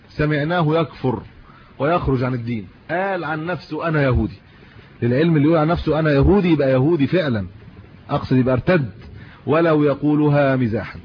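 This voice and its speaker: A man with an Egyptian Arabic accent giving a religious lesson, reading classical texts and explaining them in everyday speech with rhetorical questions. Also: fairly high pitch. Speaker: religious teacher. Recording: muffled lo-fi audio with faint hiss.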